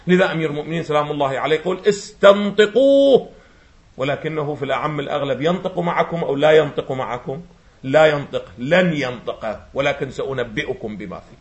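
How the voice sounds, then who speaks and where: A man's voice: sits high, a bit bright. A man teaching a religious lecture to students. He asks rhetorical questions, answers them himself, and presses hard on his key points. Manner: emphatic, rising sharply on key points.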